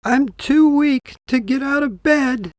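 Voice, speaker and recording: Man doing a frail old grandmother, very high and weak. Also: slow pace, dry recording, clean studio sound.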